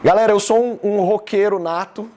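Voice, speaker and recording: A laid-back business speaker in his thirties, from Goiás, Brazil, addresses a live audience loosely and directly in Goiás Brazilian Portuguese, more conversation than lecture. His voice is fairly high for a man and a little mellow, at normal speed with fairly even intonation.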